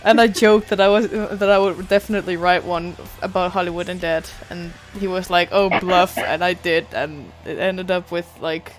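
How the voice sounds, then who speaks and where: A woman's voice: fairly low pitch, fairly even intonation, moderate pace, hardly any pauses, faint music behind. A young adult woman streamer chatting casually, rambling and self-deprecating, swearing now and then.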